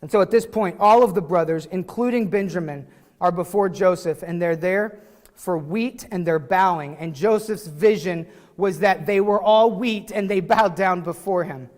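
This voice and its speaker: A man preaching a sermon as pastor, conversational and animated, with restarts and casual asides. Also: high-pitched, normal speed, in a large hall. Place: church sanctuary.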